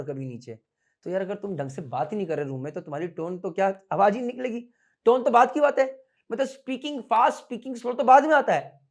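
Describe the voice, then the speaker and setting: A man in his thirties coaching students for interviews, blunt and scolding, switching between Hindi and English. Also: fairly high pitch. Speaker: merchant navy interview coach. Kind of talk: coaching talk to camera. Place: room with students standing behind.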